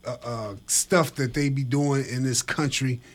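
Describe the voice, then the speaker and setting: A man hosting a radio show, giving an animated religious teaching in an emphatic way, often repeating his words. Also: mid-range voice, unhurried.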